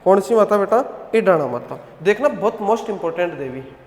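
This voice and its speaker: High-voiced man teaching in an echoey hall. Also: lively intonation, a little fast. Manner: drills students with repeated questions and answers; addresses students as "beta". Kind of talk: online coaching class lecture.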